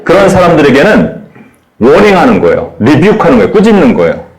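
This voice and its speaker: A man preaching a sermon in an animated way, acting out the voices he quotes. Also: on the high side, fast talker, echoey room, poor audio. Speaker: pastor.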